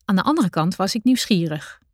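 A woman narrating her own adventure story in the first person, with a measured, deliberate reading style. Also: mid-range voice, very animated, dark tone, no room sound, studio quality.

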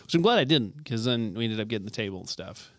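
A man's voice: mid-range voice, sing-song, quick pace, dry recording. Laid-back, foul-mouthed young man. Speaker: podcast co-host. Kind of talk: casual chat.

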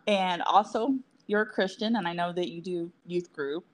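Chatty lady hosting a podcast, kinda low voice, laughs a lot. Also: normal speed. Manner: chatty, laughs often, self-deprecating asides. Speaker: podcast co-host. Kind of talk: casual podcast chat.

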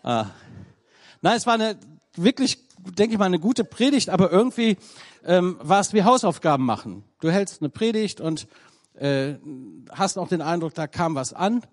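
A man preaching a sermon in German, telling a story with a conversational touch, lively at times and hushed at others. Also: high-pitched, moderate pace.

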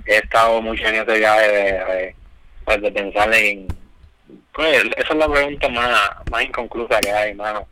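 A man's voice: lowish voice, steady tone, moderate pace, sharp tone, poor audio. A man co-hosting a podcast, chatting loosely with slang and lots of fillers. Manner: laid-back, loose slang, many fillers. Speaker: podcast co-host. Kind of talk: casual chat.

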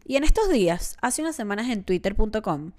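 A woman's voice: medium pitch, sing-song, fairly quick, a little mellow. A woman in her twenties talking casually on her own podcast, chatty and self-mocking, often acting out the voices of people she quotes. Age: 20s. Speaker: podcast host. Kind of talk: casual solo monologue.

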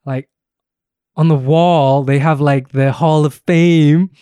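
A man's voice: fairly high pitch, steady tone, slow pace, warm tone, clean tone, no room sound. A man, hosting a podcast in casual chat and laughing often. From England. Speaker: podcast host.

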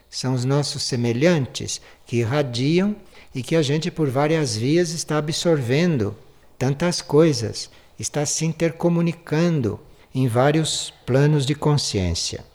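A man giving a spiritual lecture in a slow, measured and contemplative way, like a teacher. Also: mid-range voice, darkish tone.

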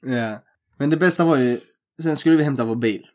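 A man from Helsingborg, telling a travel story in casual chat and acting out the voices of the people he quotes. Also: mid-range voice. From Helsingborg, Sweden. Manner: animated anecdote-telling, acts out quoted voices.

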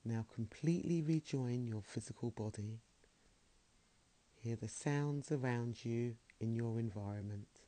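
A man leading a guided meditation in a slow, soothing, soft-spoken way. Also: mid-range voice.

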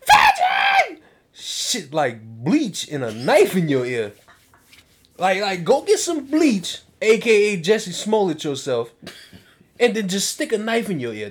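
A man hosting a podcast, loud and boastful, trash-talking and swearing in casual banter with friends in a room. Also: high-pitched, wildly swooping pitch, measured pace, breathy edge. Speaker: podcast host.

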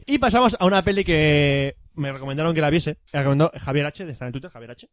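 A man talks through films at a rapid clip, his voice sitting a little high and dry, close to the mic. He rambles, jokes and slips into quick acted voices for the scenes he describes. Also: dry recording. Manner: rambling, jokey, acts out film scenes in voices. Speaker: podcast host. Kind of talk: casual film review chat.

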